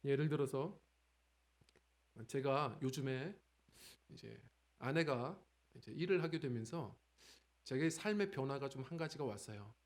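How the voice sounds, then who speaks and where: Lively conversational Korean pastor preaching. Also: male voice, mid-range voice, a little slow. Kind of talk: sermon. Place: church sanctuary.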